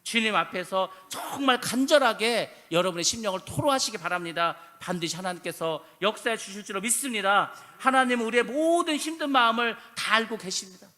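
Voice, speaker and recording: High, bright-voiced pastor preaching in a reverberant church. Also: male voice. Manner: earnest, pleading, rising to fervent exhortation. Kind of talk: sermon. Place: church sanctuary. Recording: long church hall reverb.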